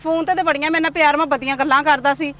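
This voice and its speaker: A woman playing a loud older village woman who claims a man married her, talking outdoors. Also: steady tone, rapid-fire, lo-fi sound. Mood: accusing. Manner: shrill, wails to passersby for attention.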